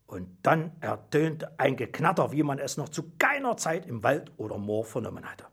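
A man reading a children's story aloud in a lively, sing-song way. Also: medium pitch, normal speed, vocal fry, slightly rough.

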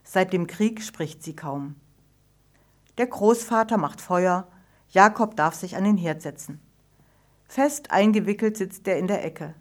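Calm woman reading a storybook. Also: medium pitch, unhurried. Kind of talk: scripted audiobook narration.

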